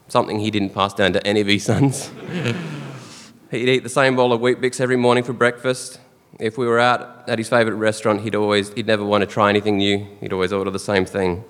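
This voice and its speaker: An Australian man speaks a funeral eulogy, earnest and fond, with soft chuckles between memories. His voice sits fairly low. The sound carries a long reverb, as in a church or funeral hall. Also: clean tone. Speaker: son giving a eulogy.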